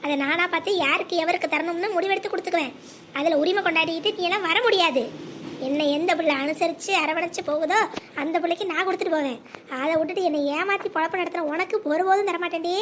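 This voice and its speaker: A voice actor playing a stern elderly widowed mother who scolds and commands, in a sped-up, pitch-raised cartoon voice. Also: fairly even intonation, fast, fairly bright tone, a little hiss or hum. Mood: scolding. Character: stern elderly widowed mother, fiercely protective of her property. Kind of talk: cartoon voice acting.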